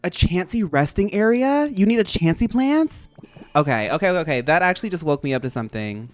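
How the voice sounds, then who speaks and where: A game streamer chatting casually, with an animated, expressive delivery and sassy, girly-pop slang. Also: medium pitch, brisk, no echo. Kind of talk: casual chat while livestreaming a game.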